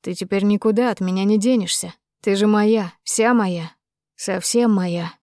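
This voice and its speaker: A woman voicing a tender, possessive male businessman in an audiobook, speaking low and hushed. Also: measured pace, no room sound, clean studio sound, close to an everyday voice. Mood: playful.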